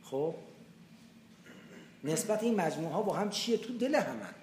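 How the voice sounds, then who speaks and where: A man's voice: sits high, lively intonation, a little mellow. Older male Quran teacher from Iran, explaining patiently with examples, in a reverberant hall. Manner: explanatory, uses everyday examples. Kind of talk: tafsir lecture. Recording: echoey room with faint background noise.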